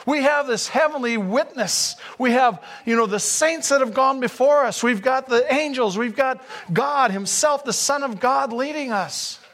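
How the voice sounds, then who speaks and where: A high-pitched man preaching in a church sanctuary. He reads scripture and then talks earnestly to his congregation, pressing his points with growing fervor. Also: a bit bright. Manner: earnest, rising to fervent emphasis. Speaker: pastor. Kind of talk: sermon.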